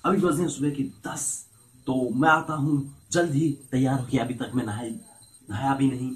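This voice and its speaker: Holding the camera at arm's length, a young Indian man vlogs at home and out in a village, speaking at a moderate pace with a medium, fairly even voice. He's playful, switching between Hindi and broken English.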